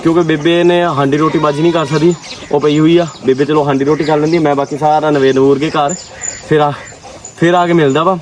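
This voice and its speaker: A man with a Pakistani Punjabi accent chatting casually to his vlog viewers, expressive and often repeating himself. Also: on the high side, fast talker, slight background noise. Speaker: vlogger.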